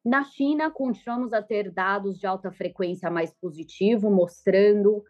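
A woman speaks as a market strategist, her voice arriving through a muffled, lo-fi recorded call. She talks at a middle pitch in a measured, analytical way, filling her pauses with frequent "ah" hesitations. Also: darkish tone. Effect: voice over a recorded internet call, lo-fi audio.

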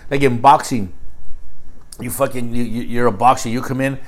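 A man's voice: mid-range voice, steady tone, moderate pace. Man podcasting casually from a garage, swearing freely. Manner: slangy, calls others dude and dog. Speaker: podcast co-host. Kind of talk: casual chat, heavy swearing. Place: recording in a garage.

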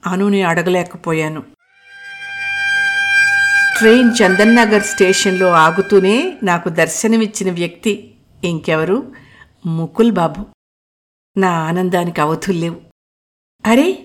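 A woman narrating a first-person story in an expressive reading. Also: medium pitch. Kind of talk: audiobook narration.

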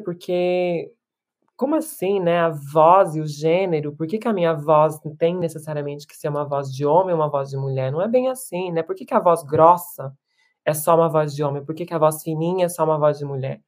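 A woman's voice: deep voice, normal speed, a little mellow. A woman in her thirties, a musician and performer, talking reflectively in an interview with restarts and tag questions. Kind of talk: casual interview talk.

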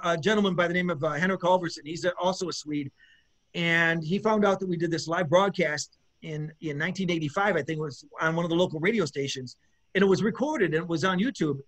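A man, a bass player in an eighties rock band, chatting casually in an interview, rambling and searching for words with lots of restarts, enthusiastic about his music. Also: fairly quick, fairly bright tone.

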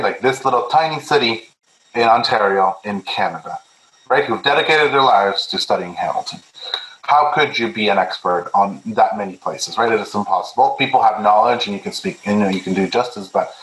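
Recorded in an echoey room with slight background noise, a young man from Peru speaks earnestly as an interview guest researcher. He's a native Spanish speaker whose fairly low, fairly bright voice often repeats words when starting a thought in this casual conversation.

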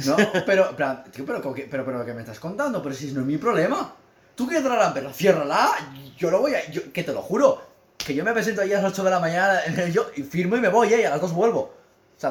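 A man from Spain telling an animated, exaggerated story in casual chat, ranting and swearing. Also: high-pitched, very fast. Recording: echoey room with faint background noise.

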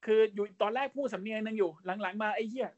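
A man in his thirties rattles along at a rapid clip as he co-hosts a laid-back podcast. He's brash and animated, swears without a second thought and tosses in quick mocking impressions, all captured close and dry with no room sound. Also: high-pitched, no echo, highs cut off. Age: 30s. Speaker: podcast co-host. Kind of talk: casual podcast chat.

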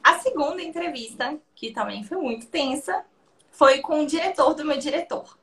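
A young woman with a Brazilian accent tells a story in casual talk, slightly high in pitch. She laughs easily and slips into quoted dialogue as she goes. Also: normal speed, slight background noise. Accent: Brazilian Portuguese. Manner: lively, laughs often, acts out quoted dialogue. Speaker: interview guest.

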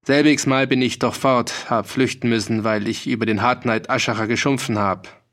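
A man's voice: medium pitch, fairly even intonation, normal speed, fairly bright tone, lightly acted. A man voicing a cheerful, roguish male mercenary with a dialect, jovial and teasing. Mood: mocking cheerful. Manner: jovial, teasing, bursts of laughter.

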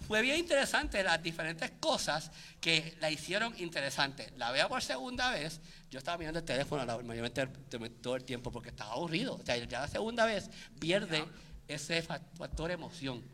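Bright, animated man. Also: fairly high pitch, moderate pace, slight background noise. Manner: animated, acts out his own reactions, many restarts. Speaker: podcast co-host. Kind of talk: casual chat.

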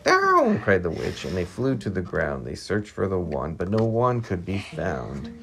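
A woman reading a rhyming picture book aloud to a child at home, with lively storytelling. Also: extremely low pitch, normal speed. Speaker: reader to a child. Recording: music playing behind.

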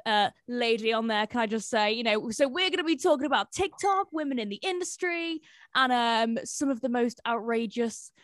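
A woman's voice: fairly high pitch, animated, moderate pace, no echo, clean studio sound. A woman hosting an interview show, talking in a casual, informal and slangy way.

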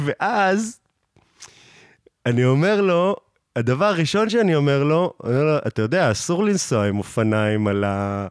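Animated man telling a story. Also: a little high, no echo, studio quality. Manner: animated, acts out quoted lines in raised voice, laughs often. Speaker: podcast host. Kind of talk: casual monologue storytelling.

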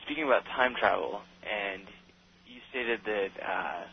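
Husky, low male caller on a dull phone line, argumentative. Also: measured pace. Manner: argumentative, pushing his point. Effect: voice heard over the phone line. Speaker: radio call-in caller.

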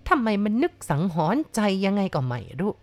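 Woman doing a slow, blunt old village granny. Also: medium pitch, sing-song, lightly acted. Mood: grieving. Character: blunt old village grandmother, coarse-spoken.

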